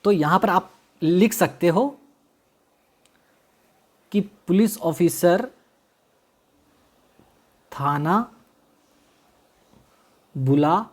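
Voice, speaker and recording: A male teacher whose voice sits high lectures on law as if in a classroom. He mixes Hindi and English legal terms, slowly repeats key phrases, and puts questions to his students.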